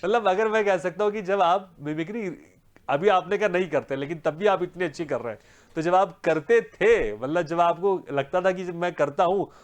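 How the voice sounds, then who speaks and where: A male news-channel host with a slightly high voice. He asks long, winding questions, repeating words as he goes, and laughs easily. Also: normal speed. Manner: laughs often, encouraging. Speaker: host, interviewer. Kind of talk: TV interview.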